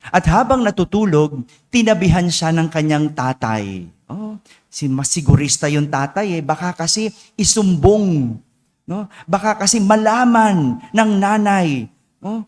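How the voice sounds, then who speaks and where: Against the long reverb of a church, a male priest preaches a homily in a high-pitched voice with lively intonation and a measured pace. He tells a story and keeps tagging his lines with "no?".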